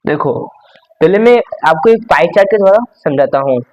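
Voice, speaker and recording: A man's voice: on the high side, expressive, moderate pace, a little mellow, a little hiss or hum, low-quality recording. A young man teaching a class lesson, explaining step by step, repeating himself and saying "okay" often.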